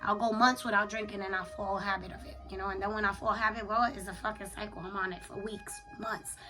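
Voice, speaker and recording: A woman's voice: mid-range voice, steady tone, fast, over music. A woman talking candidly in a confessional vlog, with a raw, unfiltered, sweary and slangy way of speaking. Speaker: vlogger, spiritual journaler.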